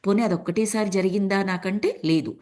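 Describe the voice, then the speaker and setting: A woman's voice: mid-range voice, steady tone, quick pace, a little mellow. A woman speaking in a casual, conversational way to a meditation group. She retells a film scene and mixes English words into her speech. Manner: addresses listeners as masters.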